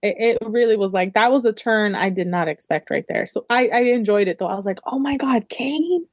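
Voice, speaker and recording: A woman's voice: medium pitch, fairly quick, no room sound. A woman co-hosting a casual book club chat, talking chattily and filling her sentences with "like". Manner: chatty, heavy use of "like" fillers. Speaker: book discussion co-host.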